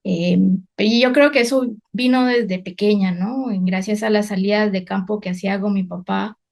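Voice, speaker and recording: A woman's voice: medium pitch, a little mellow. A woman in her thirties from Guatemala, an environmental researcher telling her career story in a reflective, unscripted way with frequent fillers and restarts.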